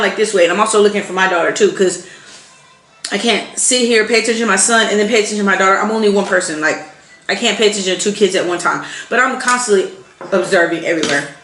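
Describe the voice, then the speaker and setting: Exasperated young woman vlogger, echoey room. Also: mid-range voice. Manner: animated, exasperated storytelling. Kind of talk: casual storytelling while eating. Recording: echoey room with faint noise.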